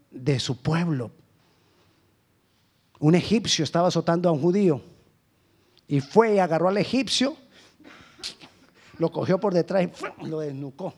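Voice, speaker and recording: A Colombian man preaching a sermon as pastor, swinging between loud emphasis and hushed lines. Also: sits high, normal speed, long pauses. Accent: Colombian Spanish.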